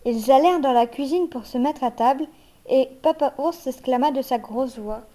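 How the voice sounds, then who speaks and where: Woman, storybook narrator, high voice, mellow, gentle, measured. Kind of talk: reading a children's story aloud.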